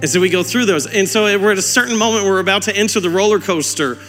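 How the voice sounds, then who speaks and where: Pastor, male, 30s: high, bright, cutting voice, impassioned sermon delivery, long hall reverb. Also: fast. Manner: impassioned, building to fervent exhortation; animated storytelling with humor. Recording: long reverb with faint music.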